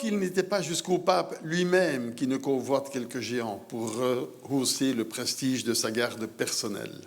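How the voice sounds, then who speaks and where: An older man giving a prepared medical conference talk in a measured, literary way. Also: mid-range voice. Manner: measured, literary phrasing, clear delivery. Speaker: medical lecturer.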